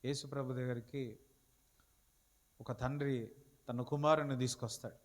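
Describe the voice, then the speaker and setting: A man's voice: mid-range voice, fairly even intonation, moderate pace. A male pastor preaching a sermon, exhorting the congregation and calling for responses. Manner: exhorting, calls for responses, switches into English phrases. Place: church hall. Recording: long hall reverb.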